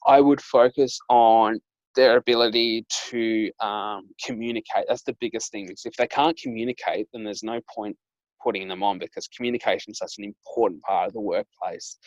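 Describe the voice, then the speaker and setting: A man's voice: lowish voice, steady tone, moderate pace, no echo, muffled recording. A young man, hosting a casual chat and telling stories with lots of fillers like "like" and "um". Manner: chatty storyteller, lots of "like" and "um". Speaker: dating coach and host.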